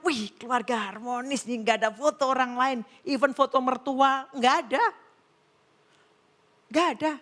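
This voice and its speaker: Woman pastor, middle-aged, sermon, storytelling, quotes people with lively voices, medium pitch. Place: church service.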